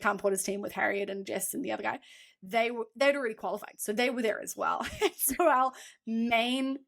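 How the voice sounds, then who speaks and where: A woman's voice: a little high, a little fast, vocal fry. A woman, a guest athlete and coach telling a story in a casual chat, acting out the lines she quotes. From New Zealand. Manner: animated, acts out quoted dialogue, laughs often.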